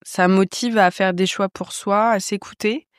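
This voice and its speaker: A woman hosting a podcast, chatting warmly and encouraging her guest in a conversational interview. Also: mid-range voice, steady tone, clear, resonant tone, no room sound, clean studio sound. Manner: chatty, encouraging, quick to laugh along. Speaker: podcast host.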